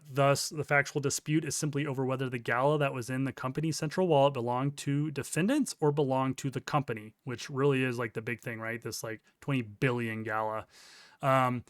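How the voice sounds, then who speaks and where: A man's voice: mid-range voice, fairly bright tone, clean tone, no room sound, studio quality. A man giving casual commentary while reading court documents aloud, with sarcastic, incredulous asides. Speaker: crypto news commentator.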